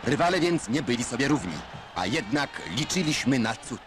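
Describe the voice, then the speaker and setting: A man's voice: medium pitch, lively intonation, normal speed. A man giving wry, ironic voice-over narration for an old newsreel. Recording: noisy old film soundtrack.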